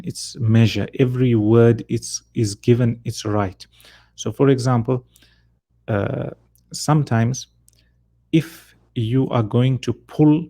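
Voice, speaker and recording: Gravelly, mellow-voiced male Quran teacher. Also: medium pitch. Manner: patient, explains step by step. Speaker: Arabic and Quran reading teacher. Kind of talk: one-on-one lesson.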